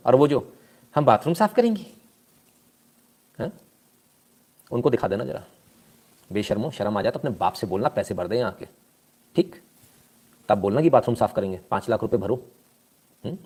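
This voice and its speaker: A man hosting a casual live news stream, talking at a middle pitch. He is sarcastic and scolding, and reads out and answers viewer comments as he goes. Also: a little mellow.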